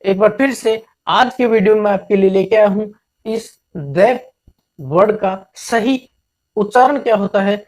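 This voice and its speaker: A man from India teaching a grammar lesson, repeating each point slowly and mixing English terms into his Hindi. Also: sits high, darkish tone.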